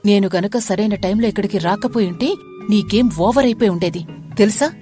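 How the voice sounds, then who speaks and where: Woman voicing a bold young woman, brisk, scolding, hushed, storybook reading, quick. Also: medium pitch, soft background music, lightly acted.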